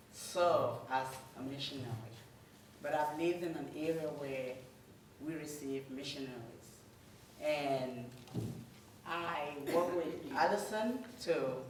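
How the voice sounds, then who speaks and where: A woman speaks earnestly to a church group, pausing often between phrases. Her voice comes from well away from the mic. It rings through a very echoey room over a faint hiss. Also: low voice. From Cameroon. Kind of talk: informal talk to a church group. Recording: roomy hall audio from a distant mic with faint noise.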